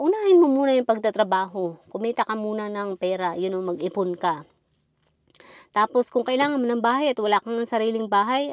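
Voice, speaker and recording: A woman's voice: mid-range voice, no room sound. A woman vlogger giving life advice in a lecturing, emphatic way, often checking in with her listeners. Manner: lecturing, keeps asking "okay?"; repetitive, emphatic. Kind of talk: casual advice monologue.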